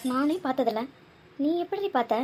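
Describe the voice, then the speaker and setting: Woman as secretive young daughter in a cartoon, high voice, hesitant and evasive. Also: expressive, a little fast, darkish tone. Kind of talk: cartoon voice acting.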